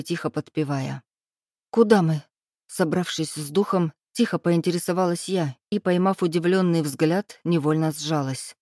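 A woman reading a first-person novel aloud in a steady, even storytelling manner. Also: on the low side, no echo, clean studio sound. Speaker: audiobook narrator. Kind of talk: first-person scripted narration.

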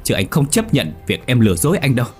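A man's voice: medium pitch, very animated, fast, faint music behind, pitched above the performer's own voice, close to an everyday voice. A man playing a furious, betrayed husband. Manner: accusing, shouting in anger.

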